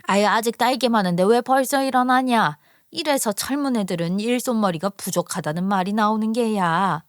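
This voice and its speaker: A woman's voice: medium pitch, moderate pace, dry recording, clean studio sound, natural voice. A woman voicing a nagging, stingy old mother-in-law. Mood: grumbling. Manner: harsh, nagging scolding. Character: stingy bossy older mother-in-law, scolding.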